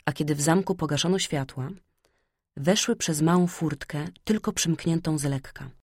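Woman narrator, fairy-tale reading, lowish voice, dry close sound. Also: normal speed, a little mellow, slightly rough, no echo. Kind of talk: storybook reading.

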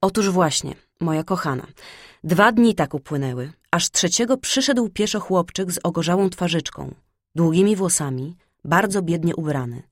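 A woman voicing a gossipy old female crow who tells stories, speaking slowly and deliberately. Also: fairly low pitch, expressive, no room sound, clean studio sound. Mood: chatty.

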